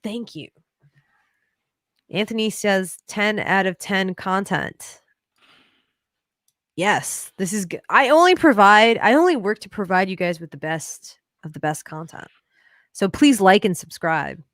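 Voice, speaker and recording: A woman's voice: mid-range voice, lively intonation, a little slow, pauses often, a bit bright, no room sound, clean studio sound. A woman with a New York accent hosting a casual livestream, teasing her co-hosts in slangy banter. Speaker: host.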